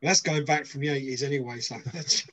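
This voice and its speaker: A man's voice: mid-range voice, fairly even intonation, brisk, a bit bright. An older man chatting casually on a video call, hesitant and full of fillers.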